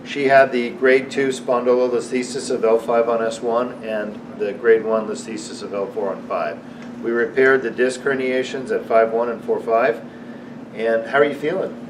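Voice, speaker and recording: A man's voice: medium pitch, steady tone, moderate pace. Male surgeon, distant mic, noisy room. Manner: explanatory, repeats the answers back. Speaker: surgeon interviewing his patient. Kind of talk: post-operative patient interview to camera.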